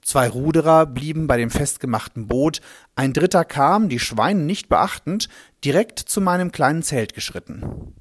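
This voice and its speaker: A man's voice: a little high, expressive, normal speed. A man playing a humble swineherd who tells his story in a reflective, vivid way. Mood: thoughtful. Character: humble male swineherd recalling a strange day. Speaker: first-person narrator. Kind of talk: dramatic storytelling monologue.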